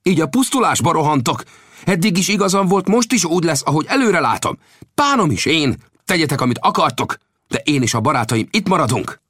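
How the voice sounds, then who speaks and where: A man's voice: fairly low pitch, big pitch swings, dry recording, studio quality, pitched above the performer's own voice. A man reading aloud and voicing a proud, blunt old frontier scout in a raised, commanding voice. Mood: defiant.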